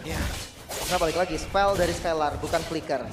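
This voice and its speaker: Fast, high-voiced Indonesian male esports commentator. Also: fairly even intonation, noisy background. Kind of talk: energetic analytical game commentary.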